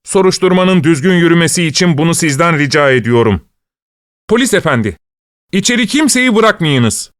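A man voicing a stout, excitable investigator of about sixty who talks in a high, agitated rush. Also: normal speed, dry recording, studio quality, natural voice. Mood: commanding.

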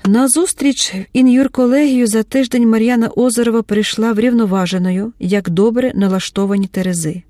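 A woman narrating a novel in measured literary style, at times dropping to a whisper. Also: a little high, steady tone, warm tone, dry recording. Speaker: audiobook narrator.

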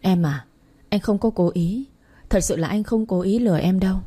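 A woman voicing a gentle young man who soothes his partner in a soft, slow, coaxing way, in a storybook reading. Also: medium pitch, close to an everyday voice. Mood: pleading.

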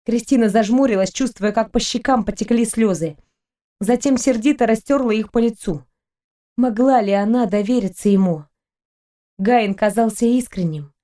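A woman reading an audiobook aloud as narrator, in a steady, even manner. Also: a little high. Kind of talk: scripted narration.

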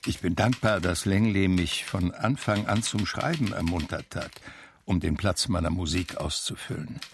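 An actor with a low voice plays an ageing, melancholy recluse looking back on his life, narrating radio drama in a measured, literary style with dry irony. There's slight background noise.

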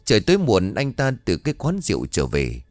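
Low-voiced man narrating a ghost story. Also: huge pitch swings, brisk, a little mellow, dry recording, studio quality.

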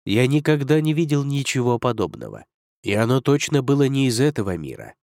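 A man's voice: medium pitch, big pitch swings, fairly quick, gravelly, a little mellow, no echo, clean studio sound. A man reading an audiobook, voicing a proud male dragon lord who speaks coldly and curtly. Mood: stern. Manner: cold, curt, commanding.

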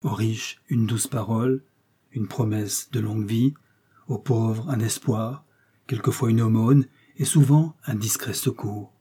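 A man reading a classic short story aloud in a measured, expressive way. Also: lowish voice, husky. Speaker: audiobook reader.

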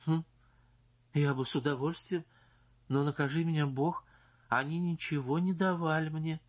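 A man's voice: a little high, steady tone, moderate pace, lo-fi sound, pitched above the performer's own voice, lightly acted. A man voicing a defensive, flustered young female chorus singer who protests in a plaintive, evasive way. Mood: protesting.

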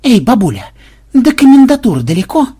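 A man voicing a hotheaded young male fighter who yells in a strained high voice. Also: wildly swooping pitch, slow, slightly rough, full character voice. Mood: yelling. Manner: yelling, high-pitched.

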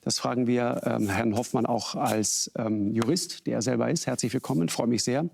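A man with a gravelly edge to his voice hosts a political talk show from a television studio. He speaks in a measured, questioning way, pausing with the odd filler sound as he introduces guests. His pitch sits in a middle range for a man. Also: a little mellow, slight background noise.

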